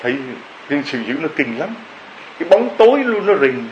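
A man's voice: on the high side, sing-song, brisk, dull audio, a little hiss or hum. A man preaching a homily, telling a story and firing off rhetorical questions to the congregation.

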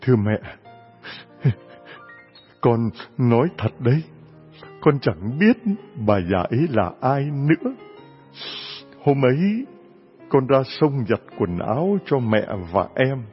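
A man voicing a poor young orphan girl who answers softly and tearfully, pleading, on a dull lo-fi recording. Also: medium pitch, very animated, slow pace, long pauses, faint music behind, voice pushed down. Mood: earnest, pleading.

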